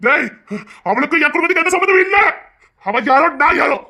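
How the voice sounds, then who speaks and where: A woman voicing a young man who searches for his trapped wife and shouts challenges at her captors. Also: extremely high pitch, animated, fast talker, exaggerated voice. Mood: urgent.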